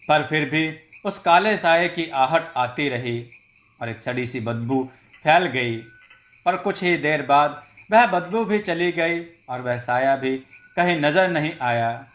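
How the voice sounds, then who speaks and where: A man tells a scripted horror tale, taking his time over each line and leaning into the dread. His voice sits a little high for a man. Faint crickets and insects chirp behind him. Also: lively intonation, a bit bright, a little hiss or hum. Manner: slow, dramatic storytelling. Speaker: storyteller.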